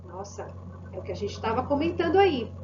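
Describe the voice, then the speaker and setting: A woman's voice: a little high, sing-song, a little fast. A Brazilian woman teaching an online Spanish class, encouraging and asking many rhetorical questions. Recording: muffled lo-fi audio with background hiss.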